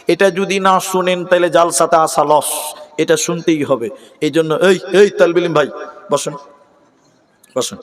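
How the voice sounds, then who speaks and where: High-voiced preacher from Assam, animated. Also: male voice, a little slow, pauses often, big-room sound. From Assam, India. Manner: humorous, animated, calls on audience. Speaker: Islamic preacher. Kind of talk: Bengali waz sermon. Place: open-air religious gathering. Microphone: stage microphone.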